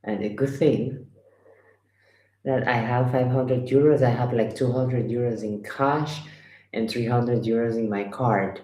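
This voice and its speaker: A man's voice: mid-range voice, steady tone, a little slow, dark tone. Rambling man in an echoey room. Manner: rambling, repeats himself, simple phrasing. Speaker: live stream host. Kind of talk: casual storytelling. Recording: echoey room, faint noise.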